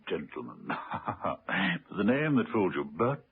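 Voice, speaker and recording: In a muffled old radio recording, a male actor gives a full character voice as a cheerful, courtly chimney sweep with a plummy upper-class British accent. His low, breathy voice is very animated and unhurried, and his jovial, affable speech comes out flowery, genteel and hesitant.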